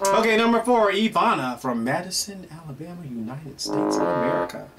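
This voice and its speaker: A middle-aged man with a high, sing-song voice and vocal fry talks fairly quickly as he hosts a playful Q&A show, reacting to an unseen guest with plenty of exclamations and laughs. He sits in an indoor room before a pale curtain, recorded on a distant mic with loud guitar music behind.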